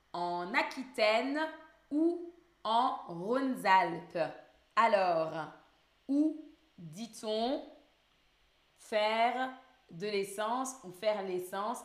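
Slow, patient French teacher woman. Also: mid-range voice, reverberant. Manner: slow, patient, repeats words for learners. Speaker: French teacher hosting a live stream. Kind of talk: live online language lesson.

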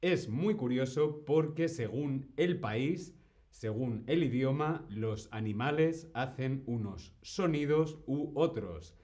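Man, live-stream language teacher, slow and deliberate. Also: mid-range voice, animated, darkish tone. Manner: slow, clear, greets chat by name, imitates animal sounds.

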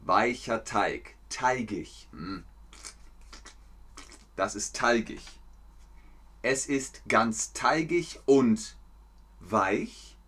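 A man giving a livestream language lesson, speaking slowly and deliberately, with his pitch swinging up and down expressively. He repeats each word several times and turns to chat with viewers in between. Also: animated, a bit bright. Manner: slow, clear, repetitive teaching with frequent laughs; chats with viewers. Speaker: German teacher.

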